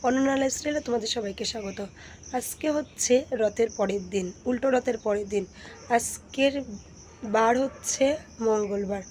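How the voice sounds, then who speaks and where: Woman, hoarse voice, chatty home vlog, dark tone, faint room noise. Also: a little high. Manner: chatty, addresses viewers warmly as friends. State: hoarse, sore throat. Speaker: vlogger. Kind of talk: casual daily-life vlog narration. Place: home kitchen and courtyard.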